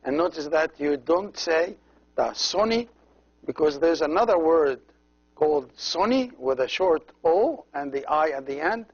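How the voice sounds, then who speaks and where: A man teaching a language lesson as a priest, slowly repeating each word and explaining how every letter is pronounced. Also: on the high side, breathy edge. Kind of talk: slow, patient language lesson. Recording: dull lo-fi recording.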